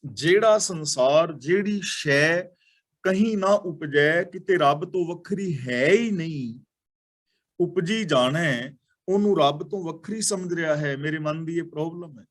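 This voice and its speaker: A man teaching scripture in a fairly high voice. He reads each verse slowly with care, then explains its meaning earnestly and repeats the key words. His delivery is that of a class lesson.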